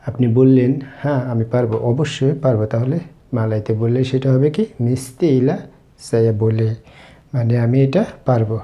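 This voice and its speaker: A man from Bangladesh giving a casual spoken language lesson, explaining phrases slowly and repeating each one. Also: mid-range voice, fairly even intonation, muffled recording. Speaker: language teacher.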